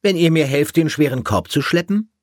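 A man doing a high, sulky young hedgehog boy. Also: expressive, normal speed, no echo, clean studio sound, lightly acted. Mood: eager.

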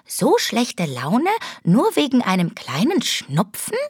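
A tiny female bookrat with a squeaky, piping little voice, much higher than a normal speaking voice, as a woman reading a children's story puts her on. It is recorded close and dry. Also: wildly swooping pitch, slow, husky, no echo, heavily acted. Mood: scolding.

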